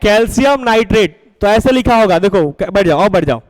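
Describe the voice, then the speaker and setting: High clear-voiced male teacher. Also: lively intonation, brisk, dry recording, low-quality recording. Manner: coaxing, asks the class questions and repeats answers. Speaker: school chemistry teacher. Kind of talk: classroom lecture.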